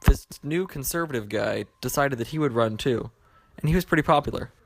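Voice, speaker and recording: A man's voice: mid-range voice, animated, fairly quick, vocal fry, dry recording. A man narrating as a plain-spoken storyteller. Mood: reflective. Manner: plain, matter-of-fact storytelling. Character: man looking back on his life as narrator. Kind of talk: scripted narration.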